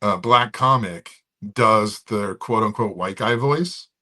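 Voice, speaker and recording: A man's voice: lowish voice, takes it slowly, pushed and bright. A man talking casually in a podcast conversation, rambling with many restarts. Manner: rambling, many fillers and restarts, drops into comic voices. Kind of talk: casual chat.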